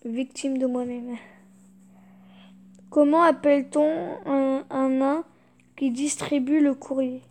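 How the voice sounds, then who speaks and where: A woman's voice: high voice, fairly even intonation, slow pace, long pauses, a little mellow. A young woman YouTuber reading jokes aloud, fighting back giggles and muttering reactions between them.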